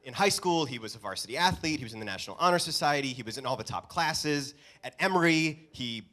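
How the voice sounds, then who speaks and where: A man's voice: medium pitch, expressive, fast talker, pushed and bright. A young adult man giving a joking wedding toast as best man, with wry asides. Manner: joking, wry asides, chuckles between lines. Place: live speech at a wedding reception.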